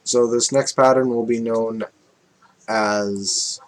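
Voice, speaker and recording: Guy doing a chill music tutorial, slow and easygoing, lots of ums and self-corrections, music in the background. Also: medium pitch. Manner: relaxed, thinking aloud with fillers and self-corrections. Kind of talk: casual screen-recorded music tutorial.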